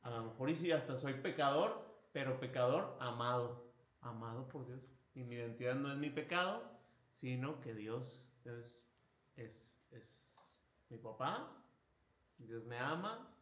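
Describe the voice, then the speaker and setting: A man giving a spiritual retreat talk as a priest, animated, acting out inner voices and chuckling at himself. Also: medium pitch, moderate pace, roomy sound.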